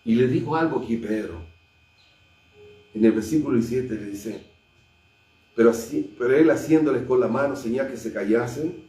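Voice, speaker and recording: A man, a pastor with a Chilean Spanish accent, preaching a sermon and acting out scripture scenes, swinging between loud and hushed delivery. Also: mid-range voice, moderate pace, pauses often. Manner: retells scripture with acted dialogue, shifts between loud and hushed. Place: church sanctuary. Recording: echoey church from far off, faint noise.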